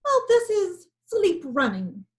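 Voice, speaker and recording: A woman voicing a clever male hornbill bird in a storybook reading, explaining things in a calm, innocent way. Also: very high voice, slow pace, pitched above the performer's own voice, full character voice. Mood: sly. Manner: matter-of-fact, innocently explaining.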